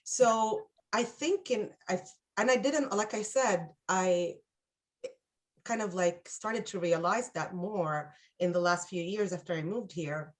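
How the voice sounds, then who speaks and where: A woman's voice: on the low side, slow. A middle-aged woman from Egypt, answering interview questions in a thoughtful, hesitant way, with many fillers and restarts. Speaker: guest. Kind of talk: conversational interview.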